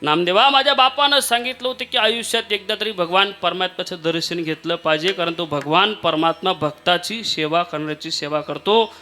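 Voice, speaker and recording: Preacher doing a meek barber begging forgiveness, high earnest voice. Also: male voice, brisk, pushed and bright. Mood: pleading. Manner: pleading, earnest, emotional. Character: humble devoted male barber, pleading servant.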